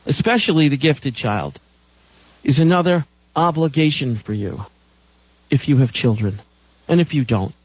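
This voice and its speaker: Male radio host, emphatic monologue, slightly raised pitch, dry muffled broadcast audio. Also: no echo. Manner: emphatic, lecturing, repeats phrases for stress.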